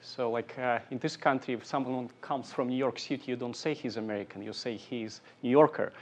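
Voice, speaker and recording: A man from Siberia, giving an academic engineering lecture in thoughtful, halting phrases with dry humor. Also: mid-range voice, fairly even intonation. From Siberia, Russia.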